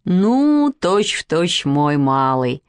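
A woman reading a storybook, voicing a boastful middle-aged military officer who barks drawn-out commands. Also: on the low side, lively intonation, dry recording. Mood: admiring.

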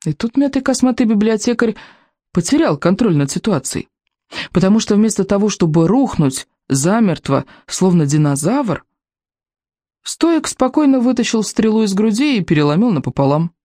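A narrator reading a storybook aloud in a steady, even manner. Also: mid-range voice, normal speed, dry recording, studio quality. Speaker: audiobook narrator. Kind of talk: scripted narration.

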